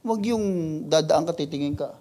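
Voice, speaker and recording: A male pastor preaching a mid-week Bible study, mixing in English verses and acting out quoted people in sudden high voices. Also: slight background noise. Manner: animated preaching, voices quoted people, big pitch swings; mixes English verses into Tagalog, halting restarts.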